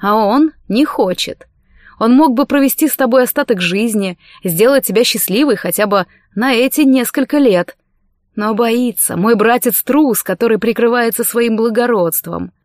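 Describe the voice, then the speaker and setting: A woman reading an audiobook, voicing a scheming young male sorcerer who speaks in a soft, coaxing, insinuating way. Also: fairly high pitch, normal speed, dry recording, studio quality, close to an everyday voice.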